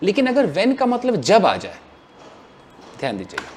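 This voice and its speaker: Lively man teaching English grammar. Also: high-pitched, unhurried, slight background noise. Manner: animated, questioning the class and answering himself. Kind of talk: classroom grammar lesson.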